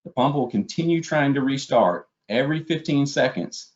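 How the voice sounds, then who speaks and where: A man with a medium-pitched voice and lively intonation speaks at a moderate pace, working through a methodical, step-by-step lesson as a webinar trainer. He is narrating an instructional slide presentation, and the webinar audio sounds dull and lo-fi.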